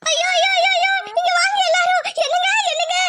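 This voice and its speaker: A performer voicing a shrill wailing village wife. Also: quick pace, noisy background. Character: young village wife, frantic and tearful. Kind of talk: Tamil cartoon drama voice acting.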